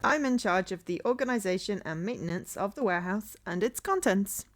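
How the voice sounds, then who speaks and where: A woman voicing a polite male android who speaks in an even, mechanical way, like a voice synthesizer. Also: medium pitch, fairly quick, lightly acted. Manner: evenly paced, mechanical speech like a voice synthesizer. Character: polite, flat-spoken male android warehouse keeper. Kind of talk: reading a visual novel aloud with voices.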